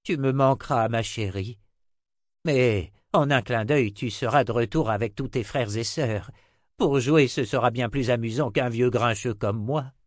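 A man voicing a grumpy but tender old male wizard, with a grumbling, gruff delivery. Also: mid-range voice, a little slow, dry recording, studio quality, lightly acted.

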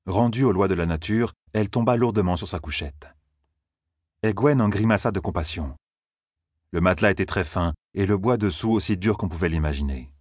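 A man narrating an audiobook in a measured, even storytelling manner. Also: low-pitched, slightly rough, no echo, studio quality.

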